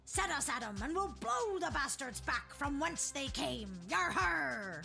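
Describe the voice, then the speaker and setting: Swaggering lady pirate captain for a game, hearty drawl, high and very lively, gravelly edge. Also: unhurried, soft background music, heavily acted. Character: boisterous woman pirate captain, brash and swaggering.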